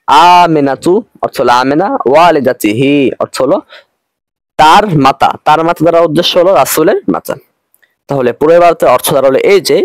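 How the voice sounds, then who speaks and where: In a dry recording, a man speaking with a Bangladeshi Bengali accent teaches Arabic grammar online. His voice is fairly high, and he is patient and repetitive, taking each Arabic phrase slowly.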